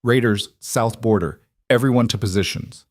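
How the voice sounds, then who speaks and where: A man voicing a grim female wolf warrior who gives brisk reports. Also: mid-range voice, a little mellow, no room sound, clean studio sound, lightly acted.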